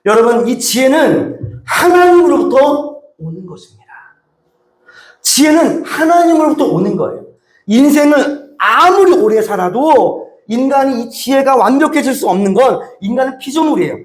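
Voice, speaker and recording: A male pastor delivers a sermon in a high, bright voice, pressing his points with one rhetorical question after another. The sound rings around a roomy church sanctuary with a lot of echo. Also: animated, moderate pace. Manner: emphatic, with many rhetorical questions to the congregation.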